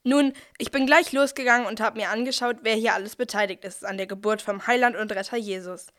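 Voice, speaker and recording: Woman playing Archangel Gabriel, higher-pitched. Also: steady tone, brisk, a bit bright, faint music behind, natural voice. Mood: confiding. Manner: direct address to listeners, explanatory. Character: Archangel Gabriel, God's eager, self-assured messenger and organiser. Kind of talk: scripted audio nativity play.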